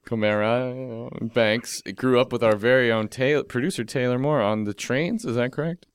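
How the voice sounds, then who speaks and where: A man's voice: mid-range voice, moderate pace, clean tone, dry recording, natural voice. A man playing a radio co-host, jokey and upbeat, bantering and reading promos in a comedy sketch.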